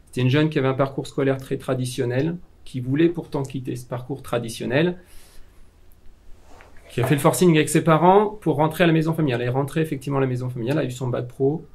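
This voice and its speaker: A man with a French accent explains training courses in an unscripted, halting way, full of "euh" and restarted phrases. His voice has a gravelly, creaky texture at an ordinary middle pitch. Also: darkish tone. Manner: hesitant, frequent fillers and restarts. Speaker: vocational school staff member. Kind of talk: informal presentation of training programs.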